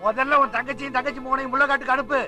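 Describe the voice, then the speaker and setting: A man's voice: very high voice, flat delivery, rapid-fire, sharp tone, soft background music, exaggerated voice. An actor playing an angry in-law who berates his son-in-law in a Tamil film. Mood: furious. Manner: scolding, insulting.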